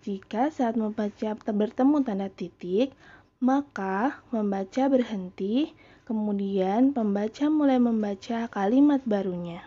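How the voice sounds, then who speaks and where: Slow-speaking female teacher. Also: mid-range voice, muffled recording. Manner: slow, clear, explanatory. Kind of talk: recorded classroom lesson for children.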